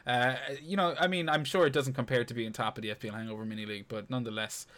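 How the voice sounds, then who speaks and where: A man's voice: medium pitch, fairly even intonation, very fast, fairly bright tone. A man with an Irish accent hosting a podcast in casual, freely sweary banter. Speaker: podcast host.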